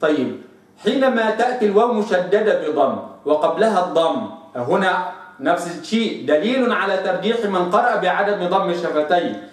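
A man teaching Quran recitation rules, slowly sounding out each example word. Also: sits high, lively intonation. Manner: slow demonstrative pronunciation of examples. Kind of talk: tajweed lesson with recited examples. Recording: very echoey room, mic at a distance.

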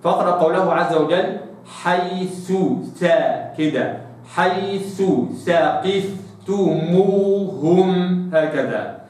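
A man teaches Quran recitation. He repeats sounds and stretches words out slowly so learners can hear them. His voice sits a little high and comes from some distance in a very echoey room. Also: animated. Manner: slow drawn-out demonstration of words. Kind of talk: tajweed lesson with demonstrations. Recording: very echoey, off-mic.

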